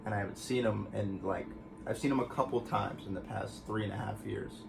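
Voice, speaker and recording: Gravelly laid-back young man. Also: lowish voice, fairly even intonation, a little fast, music in the background, low-quality recording. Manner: laid-back, rambling with restarts. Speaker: boyfriend guest. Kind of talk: casual chat.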